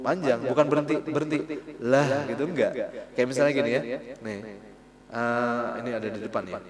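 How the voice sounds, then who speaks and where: A male Quran recitation teacher giving a relaxed lesson, repeating syllables slowly to demonstrate sounds, recorded in a mosque hall. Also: medium pitch, a crowd in the background.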